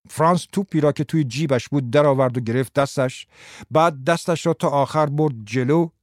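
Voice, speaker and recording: A man narrating a novel as an audiobook, in a steady, expressive storytelling manner. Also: fairly high pitch, dry recording, studio quality.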